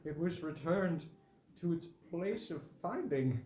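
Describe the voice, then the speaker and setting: A young man voicing a frail old male elder with a shaky voice, reciting slowly and solemnly in an echoey room. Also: on the high side, animated, a little mellow, a little hiss or hum, pitched below the performer's own voice.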